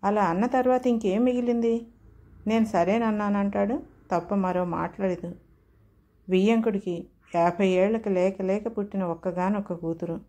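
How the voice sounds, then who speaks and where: A woman narrating a family story as an audiobook, measured and reflective. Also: medium pitch, mellow.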